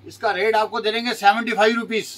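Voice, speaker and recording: A man's voice: sits high, fairly even intonation, quick pace, fairly bright tone, far from the mic. A middle-aged man in a small clothing shop, urging buyers to come with jokey food sayings. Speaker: shop seller. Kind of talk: sales pitch.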